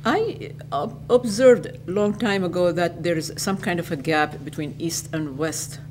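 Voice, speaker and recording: An older woman from Iraq, an educator giving interview answers in a lecture hall, speaking in a measured way and restating her phrases. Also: lowish voice, a little mellow, a little hiss or hum.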